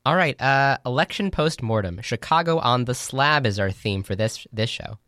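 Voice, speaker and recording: A man's voice: medium pitch, expressive, normal speed, bright, forceful tone, no echo. A man co-hosting a comedy podcast, dropping dry, brief interjections. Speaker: podcast co-host.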